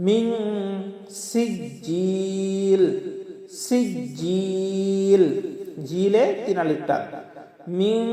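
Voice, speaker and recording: A man teaching correct Quran recitation, chanting words slowly and drawn out, then briskly explaining each sound with small laughs. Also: high-pitched, warm tone, roomy sound, long reverb tail. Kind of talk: tajweed lesson, explaining and chanting verses.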